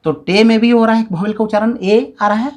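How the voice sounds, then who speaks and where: A man teaching a grammar lesson step by step. He sounds out syllables slowly and keeps checking in with the class. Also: high voice, a little mellow. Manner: explains step by step, often checks in with "है ना" and "ठीक है". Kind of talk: classroom-style video lesson.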